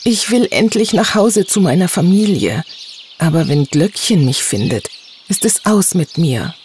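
A man's voice: high-pitched, sing-song, unhurried, a little mellow, a little hiss or hum, voice pushed up. A man voicing a cheeky, proud little female fairy hunter who talks back in a snappy, boastful way. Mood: reluctant.

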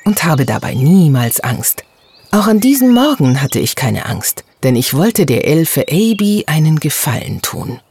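Expressive children's-story narrator, first-person telling, wide lively pitch. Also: a little slow, creaky, husky. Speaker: audiobook narrator.

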